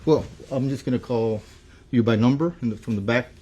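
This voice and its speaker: Halting judge in a courtroom recording. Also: male voice, mid-range voice, darkish tone, a little hiss or hum. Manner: halting, many fillers and restarts. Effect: courtroom recording played back. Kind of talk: reading a verdict and running court proceedings.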